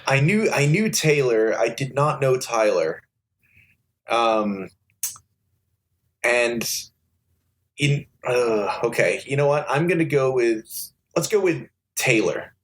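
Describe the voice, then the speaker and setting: A man's voice: medium pitch, animated, slow, pauses often, slight background noise. A man in his thirties from England, a podcast guest chatting casually and hesitating over his guesses. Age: 30s. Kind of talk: casual chat.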